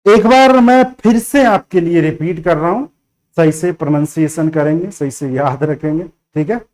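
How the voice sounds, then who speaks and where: A man with a slightly high, somewhat dark voice speaks at a normal pace. He is giving a beginner phonics lesson in Hindi, saying each letter sound over and over and frequently checking in with learners.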